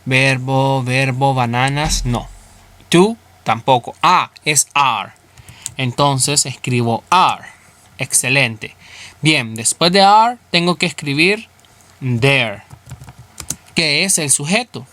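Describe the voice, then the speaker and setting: A man's voice: mid-range voice, slow pace, sharp tone, no room sound. A male English teacher who explains grammar step by step, asking himself questions and then answering them. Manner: asks and answers his own questions.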